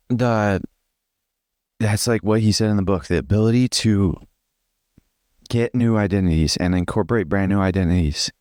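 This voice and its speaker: A man's voice: lowish voice, darkish tone, no room sound, studio quality. A young man talking casually in a personal vlog, rambling with lots of fillers in an earnest way. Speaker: vlogger.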